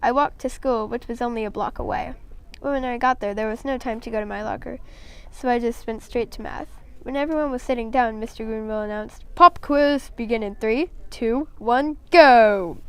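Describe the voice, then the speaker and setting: A woman reads a first-person children's story aloud, plain and unhurried, stumbling now and then on a word. Her voice sits slightly high and sounds very smooth and clean. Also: steady tone. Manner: plain storytelling, occasional slips and restarts.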